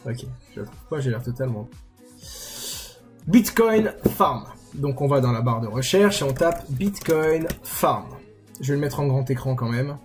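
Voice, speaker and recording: A man's voice: mid-range voice, moderate pace, soft background music. A young man hosting a casual screen tutorial, chatty and self-mocking, with crude slang. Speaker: YouTuber tutorial host.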